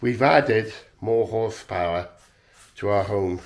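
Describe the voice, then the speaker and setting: A man chatting casually to camera in a hesitant, joking way, full of pauses and uhs as he shows off new equipment. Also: fairly low pitch, creaky. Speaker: vlogger showing new equipment.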